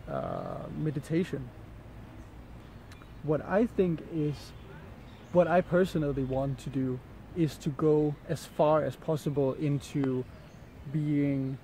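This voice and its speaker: Male vlogger, higher-pitched but soft-edged and mellow, slightly sick, halting and reflective, recorded outdoors with faint background noise. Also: poor audio. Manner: musing, halting, searching for words. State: a bit sick with an ear infection. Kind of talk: casual rambling talk to camera while walking outdoors. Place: outdoors in jungle, light rain. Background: faint outdoor ambience.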